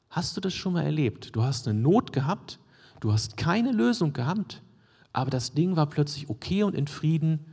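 A man's voice: on the high side, vocal fry, a little mellow, slightly rough. A man preaching a sermon in a conversational way, often checking in with his listeners and sometimes dropping to a near whisper for emphasis. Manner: conversational, asks the audience questions, frequent "ne?" and "ja?". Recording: long hall reverb.

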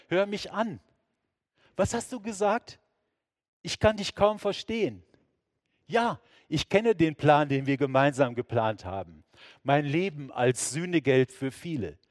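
A man's voice: fairly high pitch, animated, unhurried, no echo, clean studio sound, in a large hall, pitched above the performer's own voice. A man voicing an anguished figure pleading desperately in prayer, in a raised, emotional tone.

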